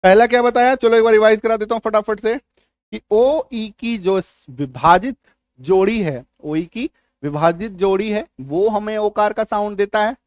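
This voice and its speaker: In an unhurried, high-pitched voice with no room sound, a man with an Indian accent gives a spoken lesson on English spelling rules. He drills words, repeats himself, and keeps checking that learners have understood.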